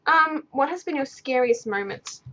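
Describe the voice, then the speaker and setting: In her bedroom, a young woman vlogger rambles through viewer questions to camera with no script, stumbling, restarting and losing her thread easily. Her high voice sounds pushed and bright, with lively intonation at a moderate pace.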